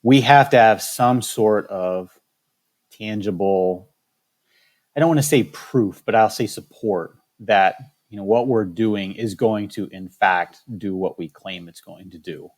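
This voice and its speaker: A man with a lowish, unhurried voice and a Michigan accent speaks as a state wildlife biologist in a candid interview. He picks his words carefully and restarts often.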